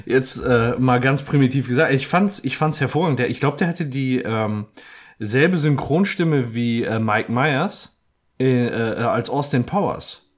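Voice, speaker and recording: A man's voice: medium pitch, a little slow. A man chatting casually about a film, giggly and stammering, often laughing.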